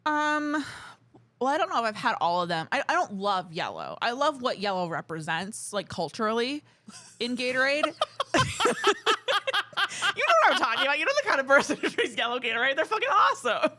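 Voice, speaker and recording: A young adult woman co-hosting a podcast in casual chat, animated and profane, laughing often. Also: fairly high pitch, fairly quick, a little hiss or hum. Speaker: podcast co-host.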